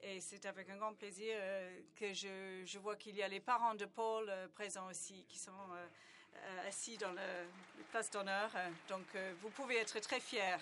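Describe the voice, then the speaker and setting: Slight background noise accompanies a woman providing simultaneous interpretation at a conference. Her medium-pitched voice is steady and a bit bright, but her delivery is halting, full of stalling sounds and restarts in the middle of words.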